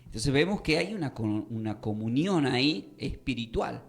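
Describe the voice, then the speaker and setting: A man's voice: medium pitch, lively intonation, moderate pace. A man teaching a radio Bible class, quizzing listeners and repeating key points for emphasis. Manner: questioning, emphatic teaching with repetitions. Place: radio studio.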